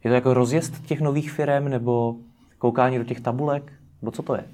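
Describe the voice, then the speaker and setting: A man with a mid-pitched voice conducts an interview. He asks probing follow-up questions to draw out more detail from his guest. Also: steady tone, dark tone.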